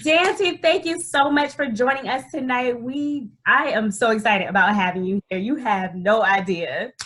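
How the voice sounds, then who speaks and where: A lively woman hosts a casual inspirational talk show and keeps cheering her guest on. Her voice sits a bit high and bright, and she talks with a playful, hype-woman bounce. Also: normal speed, a little hiss or hum. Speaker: host.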